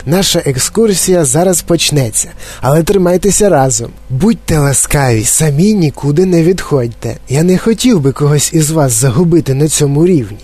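A man voicing an eccentric, excitable male chocolate-factory owner who speaks in a high, clear, flute-like voice and gushes with delight. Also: normal speed. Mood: gushing, excited. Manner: effusive, bubbling with excitement. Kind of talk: audiobook character voice.

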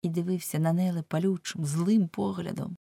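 A woman reading a story aloud as an audiobook narrator, expressive and dramatic. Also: fairly low pitch, normal speed, gravelly, husky, dry recording. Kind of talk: scripted narration.

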